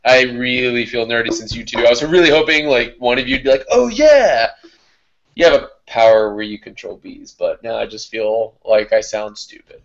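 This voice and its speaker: A man co-hosting a casual gaming podcast, telling animated stories and acting out quotes. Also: medium pitch, fairly quick, few pauses, lo-fi sound. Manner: animated storyteller, acts out quotes. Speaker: podcast co-host.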